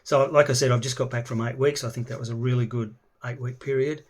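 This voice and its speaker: A middle-aged Australian man, learning a language, introduces himself in a casual video. He's hesitant, with many ums and restarts, yet his medium-pitched voice stays steady in tone at a quick pace.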